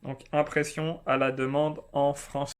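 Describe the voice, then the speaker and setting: A man talks through his topic in a relaxed, chatty vlog, addressing the viewer directly. His voice sits a little high and comes across smooth and clear. He was recorded indoors. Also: a little slow. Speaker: self-publishing video host. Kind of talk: casual explainer vlog. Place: indoors, not at home.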